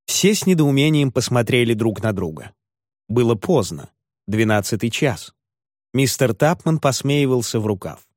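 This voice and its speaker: A man's voice: mid-range voice, animated, moderate pace, darkish tone, no room sound, clean studio sound. A man narrating a classic novel as an audiobook, voicing each of the characters himself. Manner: voices the characters.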